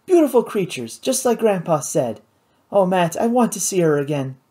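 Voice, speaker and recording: A woman reading an audiobook, voicing an eager, impulsive young woman scientist with animated enthusiasm. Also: on the low side, normal speed, pitched above the performer's own voice. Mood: wistful.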